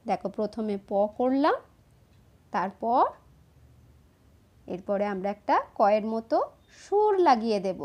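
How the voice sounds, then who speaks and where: A woman, slowly and patiently explaining each step of writing letters to children. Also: a little high, very animated, a little mellow. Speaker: teacher. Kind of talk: handwriting lesson for children.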